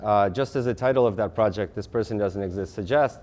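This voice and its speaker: A man in his thirties from Russia giving a lecture presentation, talking fast, with frequent restarts and fillers. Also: fairly low pitch, darkish tone. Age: 30s. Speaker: guest speaker.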